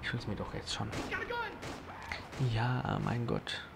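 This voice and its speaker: A young man giving casual, rambling commentary as he plays a video game, talking to himself and breaking into sudden loud exclamations. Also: lowish voice, wildly swooping pitch, takes it slowly, creaky, very noisy. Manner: chatty self-talk with sudden loud exclamations. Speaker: let's play host.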